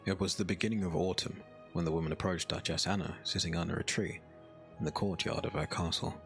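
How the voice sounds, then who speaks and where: In a deep voice with gravelly fry, a man narrates a dark fantasy audiobook. His scripted storytelling is measured and steady in tone, with faint music playing underneath.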